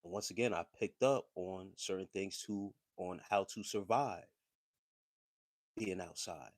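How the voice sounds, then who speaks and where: Guy on a live stream just chatting, low voice, slangy, dry close sound. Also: unhurried, dry recording. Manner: relaxed, loose, slangy and conversational. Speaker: livestream host. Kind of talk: casual livestream talk answering chat.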